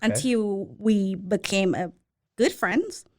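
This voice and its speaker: A woman from Thailand with a Thai accent, a restaurant owner in a casual interview, speaking halting English with simple, broken grammar. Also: mid-range voice, a little mellow.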